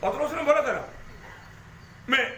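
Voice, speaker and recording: A man preaching a sermon to a congregation, animated, calling out and rising to shouts. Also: extremely high pitch, normal speed, slight background noise. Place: church hall with congregation. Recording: echoey hall.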